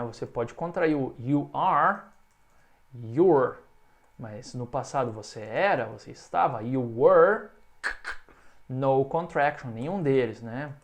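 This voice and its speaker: In a video lesson, a man with a Brazilian Portuguese accent teaches English at a medium pitch, stretching out example phrases for the learner to repeat.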